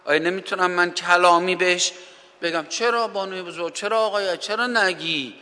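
A man's voice: high voice, pushed and bright, big-room sound. A man from Iran preaching a sermon, fervent, posing rhetorical questions and reciting scripture in Arabic while addressing listeners as brothers and sisters. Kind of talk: sermon on family advice.

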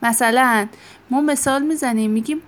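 A woman teacher giving a classroom grammar lesson. She asks questions and answers them herself, drawing out the example words slowly. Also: fairly high pitch, a little hiss or hum. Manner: slow, drawn-out stress on example words.

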